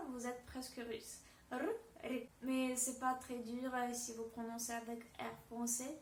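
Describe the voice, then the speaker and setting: A woman's voice: fairly high pitch, roomy sound, distant mic, slight background noise. A woman with a Russian accent giving a pronunciation lesson, speaking hesitantly and repeating example words. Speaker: Russian language teacher. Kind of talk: language lesson.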